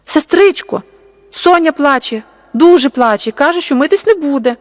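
A woman's voice: high voice, animated, normal speed, big-room sound, voice pushed up. A woman doing an anxious little girl. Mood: urgent. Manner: urgent, pleading. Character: anxious little camp girl, breathless messenger.

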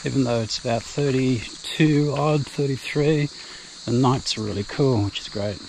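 An Australian man showing off his camping setup in a relaxed, plain-spoken walk-through, filmed outdoors on a handheld camera. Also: mid-range voice, a little hiss or hum. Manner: relaxed, plain-spoken, unhurried tour guide. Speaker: camping vlogger. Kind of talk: casual walk-through narration. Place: outdoor bush campsite. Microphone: handheld action camera.

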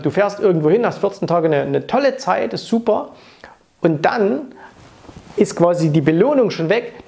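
Framed pictures line the indoor office where a finance coach in his thirties, host of the channel, offers casual to-camera money advice. His high-pitched voice carries vocal fry and a slight mellowness. He's blunt and opinionated, talking into a lapel mic with plenty of fillers and tag questions.

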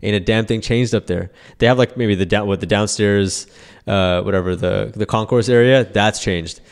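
A man's voice: lowish voice, normal speed, smooth. A man in his thirties with a Toronto accent, bantering casually and bluntly as a podcast co-host, full of slang and swearing. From Toronto, Canada. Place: small indoor podcast studio. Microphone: close boom-arm podcast microphone.

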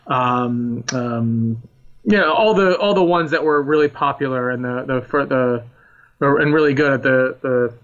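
Speaking at a measured pace in a medium-pitched voice, a historian in his thirties from Philadelphia, United States, is interviewed on a podcast. He is earnest and emphatically repetitive, and the sound is lo-fi.

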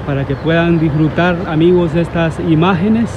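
A man's voice: on the high side, moderate pace, muffled recording, background noise. Upbeat Honduran man vlogging at a border. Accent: Honduran Spanish. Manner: upbeat, addresses viewers as friends, many fillers. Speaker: travel vlogger host. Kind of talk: casual travel vlog. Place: outdoors at a border crossing, then indoors in an office hall. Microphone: phone at arm's length.

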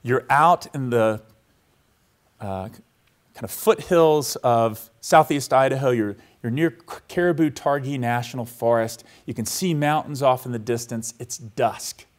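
A man's voice: medium pitch, measured pace. A man giving a university lecture to a live audience in a hall. He talks conversationally, keeps checking in with the room, and walks listeners through a scene he asks them to picture.

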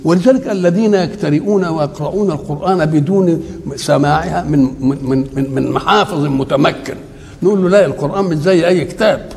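A man with an Egyptian Arabic accent gives a religious lecture on Quran commentary, his voice a little higher than most men's and rough with gravel. He keeps throwing rhetorical questions at his listeners for them to finish. The recording carries the long reverb of a large hall. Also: a little fast, a little mellow. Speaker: Quran teacher.

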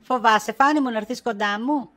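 A woman's voice: a little high, fairly bright tone, close to an everyday voice. A woman playing a middle-aged wife in a comedy sketch, insistent and accusing as she nags her husband. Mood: coaxing.

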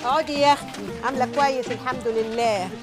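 An actress playing a sharp-tongued, gossipy neighborhood auntie who scolds and bargains in Egyptian Arabic. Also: female voice, sits high, fast, over loud music, lightly acted.

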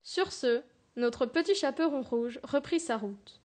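Young female narrator for a class storybook, high pitch, steady reading. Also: unhurried.

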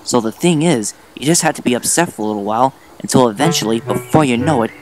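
A man voicing a reserved teenage boy who speaks calmly and reassuringly. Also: mid-range voice, quick pace, close to an everyday voice, rough recording. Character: reserved thirteen-year-old boy, calm and wise.

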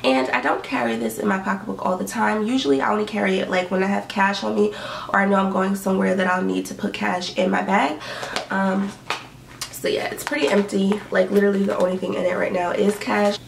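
A young adult beauty and fashion vlogger chats to camera in her bedroom about what's in her bag, upbeat and full of "like" and "um," sounding stuffy and sniffly from allergies. Her medium-pitched voice is steady, a little fast and creaky. The camera sits in front at desk distance, so the mic is a bit far, with roomy bedroom echo and a little hiss or hum.

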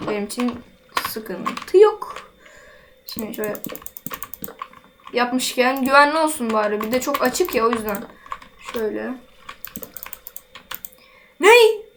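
Woman, high voice, casual gameplay commentary, thinks aloud, quick exclamations, faint background hiss. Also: fairly bright tone. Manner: chatty, talks to herself while playing, quick exclamations. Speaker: gaming channel host.

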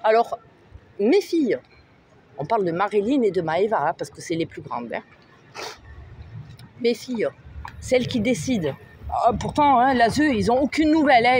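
A woman's voice: sits high, a little hiss or hum. A woman, ranting angrily to camera, heated and agitated, forever asking "hein?". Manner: agitated, heated, talks at the viewer with frequent "hein?". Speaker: mother vlogger. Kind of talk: angry rant to camera. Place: in a vehicle on the road.

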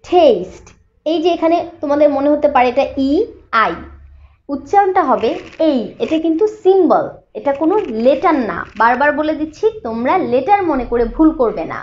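A woman teaching a spoken English lesson, patiently repeating each sound slowly for her students. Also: high voice, darkish tone. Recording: slightly dull lo-fi sound.

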